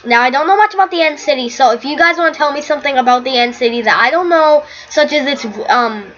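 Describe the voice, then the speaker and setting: Young girl chatting over a game, high voice, kinda slow, muffled cheap recording. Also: fairly bright tone. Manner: rambling, easily startled, chatty. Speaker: gaming YouTuber. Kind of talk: casual gameplay commentary.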